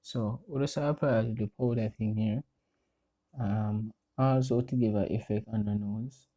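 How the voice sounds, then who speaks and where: A man's voice: fairly low pitch, fairly even intonation, measured pace, dark tone. A man with a Jamaican accent giving a casual step-by-step commentary. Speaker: friend doing a makeup voice-over.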